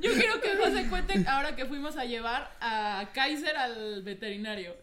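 Woman guest, high voice, teasing her boyfriend. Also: lively intonation, normal speed, background noise. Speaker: podcast guest. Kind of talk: casual chat.

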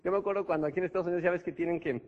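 High-voiced man coaching a hall. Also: steady tone, very fast. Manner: conversational, constant tag questions, acts out examples. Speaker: network marketing trainer. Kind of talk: motivational seminar talk. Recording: echoey hall, dull lo-fi sound.

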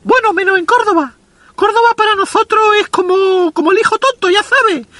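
A man playing a foul-mouthed, self-proclaimed macho with a squeaky, effeminate, boyish voice, rambling through a comic monologue. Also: normal speed, bright, forceful tone, no echo. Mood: rambling, boastful. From Andalusia, Spain. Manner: crude, rambling anecdotal delivery.

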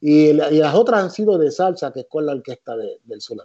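A relaxed man from Puerto Rico, a musician and arranger appearing as a guest, tells stories while answering interview questions. His voice is a little high, a little fast and husky, with a Puerto Rican Spanish accent. He's reflective and uses many fillers, and the sound is dull.

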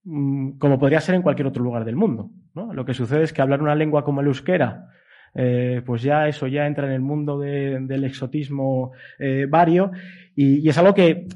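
A middle-aged man from Spain, from the Basque Country and Galicia, speaks with a Castilian Spanish accent in a mellow, mid-range voice at normal speed. His semi-improvised academic talk is discursive and hesitant, often punctuated with checking tags, and the recording sounds dull and lo-fi.

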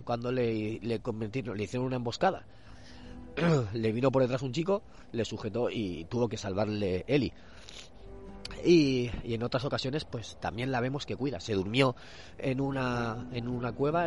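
Hoarse Spanish man with a cold. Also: mid-range voice. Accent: Spain Spanish. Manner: halting, repeats and restarts words. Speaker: podcast host. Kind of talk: casual solo commentary.

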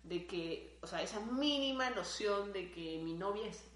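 A young woman, co-hosting a podcast in casual chat, animated and swearing freely. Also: medium pitch, a little slow. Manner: animated, swears freely, acts out her own thoughts. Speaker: podcast co-host. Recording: roomy echo.

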